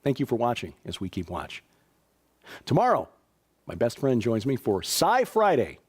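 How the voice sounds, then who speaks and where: His mid-range voice is slightly rough and swings hugely in pitch, at a moderate pace. A Chicago man hosting a news show, he reads stories and announcements in casual commentary full of fillers and dry asides.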